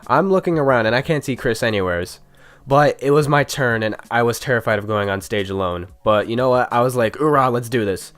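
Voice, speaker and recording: A young male YouTuber, sick and sounding stuffy and nasal, delivers a playful, chatty story about school in a casual storytime style. His mid-range voice is brisk and a bit bright, with minor stumbles along the way.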